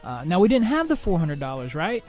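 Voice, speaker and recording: Halting young man venting on a podcast. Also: high voice, huge pitch swings, a little mellow, faint music behind. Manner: halting, many restarts and fillers, swears freely. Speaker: podcast host. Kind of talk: personal monologue.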